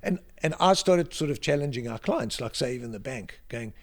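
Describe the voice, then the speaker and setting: A man's voice: medium pitch, lively intonation, a little fast. A middle-aged South African man with a South African accent, a guest speaking in a casual interview in a library, often restarting phrases and then pushing words out with sudden emphasis. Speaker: guest, creative director.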